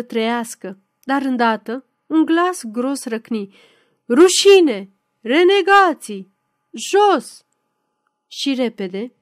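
A woman's voice: a little high, dry recording. Woman narrating a novel, dry sound. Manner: dramatic reading, loud in quoted shouts. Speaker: audiobook narrator. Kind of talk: scripted audiobook narration.

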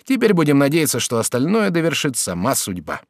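A man's voice: medium pitch, wildly swooping pitch, a little fast, dry recording, clean studio sound, voice pushed up. A man voicing a brash, scheming young man who talks in a pushy, impatient way. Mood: eager.

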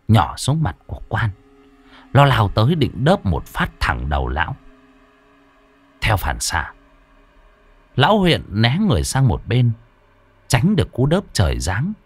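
A man's voice: mid-range voice, measured pace, pauses often, slightly rough, dry recording, faint music behind. A man narrating a horror folk tale in a dramatic storytelling style. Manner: animated, swooping delivery. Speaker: audiobook narrator.

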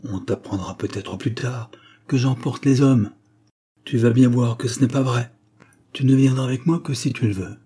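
A man voicing a sly, horned, hairy devil in a storybook reading, coaxing in a soft, partly whispered voice. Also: mid-range voice, expressive, fast talker, hardly any pauses, breathy edge.

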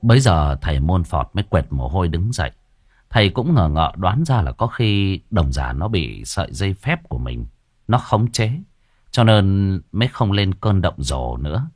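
A man narrating a ghost story in a lively, expressive way. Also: sits low, moderate pace, no room sound, clean studio sound.

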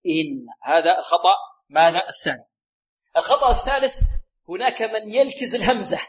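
A man teaching Quran recitation rules, often asking a question and answering it himself, and slowly repeating words to show how to say them. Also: sits high, fairly bright tone. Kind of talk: tajweed lesson with call-and-response questions.

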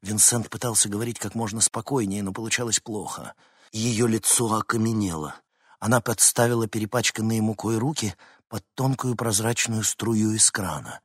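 Husky low-voiced male audiobook narrator. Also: fairly even intonation, moderate pace, no room sound, clean studio sound. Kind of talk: scripted narration.

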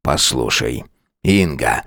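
A man's voice: medium pitch, big pitch swings, moderate pace, dry recording, clean studio sound, voice pushed up, lightly acted. A man voicing a stern older husband who speaks curtly and mockingly to his wife. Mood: measured. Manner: curt, cold, mocking.

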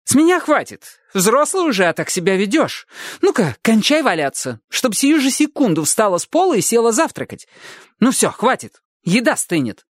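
A man reading an audiobook, voicing a brisk, stern elderly grandmother who talks in a curt, impatient, scolding way. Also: on the low side, sing-song, dry recording, clean studio sound, voice pushed up.

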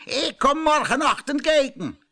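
Grim, scolding storybook farmer with high, harsh shouts, put on by a man. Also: expressive, unhurried, gravelly, heavily acted. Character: mean skinny farmer who never laughs. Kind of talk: storybook reading.

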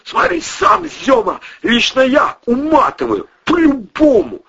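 A man playing a yelling, panicky young thug. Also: extremely high pitch, wildly swooping pitch, measured pace, husky, lo-fi sound, voice pushed up, heavily acted. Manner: yelling, swearing, slangy. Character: panicky, foul-mouthed young male gangster.

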